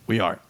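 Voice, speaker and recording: A man in his twenties co-hosting a podcast, talking in an animated, rambling, jokey way. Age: 20s. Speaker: podcast co-host. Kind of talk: casual chat.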